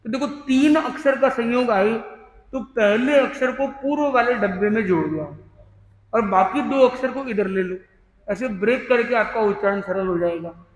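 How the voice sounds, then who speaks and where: High-voiced man teaching in an echoey hall. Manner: explains word by word, chants verses slowly. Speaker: teacher of a chanting workshop. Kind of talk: teaching hymn pronunciation. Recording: echoey hall with long reverb.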